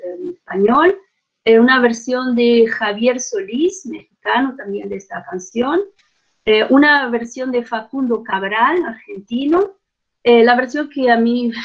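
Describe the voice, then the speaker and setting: A woman delivers an academic lecture in a fairly high voice. She hesitates often, restarting phrases and adding tag questions to check in with her audience. The recording is dull and lo-fi, like an online stream. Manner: hesitant, frequent fillers and restarts.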